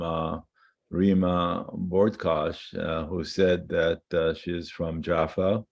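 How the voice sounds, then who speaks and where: Male moderator, deep and creaky, unhurried, halting, lo-fi call sound. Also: a little mellow. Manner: hesitant, many fillers. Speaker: event moderator. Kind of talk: moderating a virtual Q&A. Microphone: video call. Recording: dull lo-fi video call audio.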